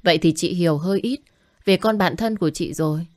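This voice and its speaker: Woman voicing a young female coworker, gossipy, blunt, slangy, low voice. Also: fairly quick, darkish tone, close to an everyday voice. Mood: scornful.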